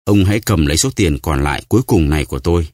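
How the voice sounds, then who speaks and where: A man's voice: extremely low pitch, lively intonation, rapid-fire, a little mellow, dry recording, studio quality. A man voicing a desperate, starving male prisoner who stammers and pleads, in an audiobook. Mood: pleading. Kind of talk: audiobook character voice.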